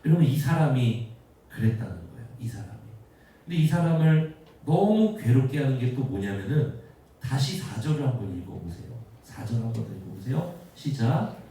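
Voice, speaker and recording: A man's voice: medium pitch, animated, moderate pace, dark tone. A man preaching a sermon as pastor. He talks in an emphatic way, often turns to the congregation, and builds up into fervent prayer. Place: church sanctuary. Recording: echoey church hall, from a distance.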